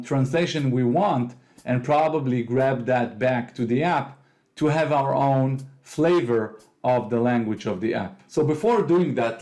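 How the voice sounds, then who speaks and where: A mid-range male voice belongs to the host of a software tutorial channel, an Israeli whose first language is Hebrew. Speaking English with an Israeli accent over a screen recording, he walks through an app step by step, with non-native phrasing and the occasional filler.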